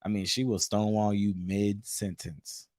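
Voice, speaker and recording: Animated man with a low voice. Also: normal speed, dry recording, studio quality. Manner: animated, repeats phrases, swears casually. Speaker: podcast co-host. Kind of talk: casual relationship chat.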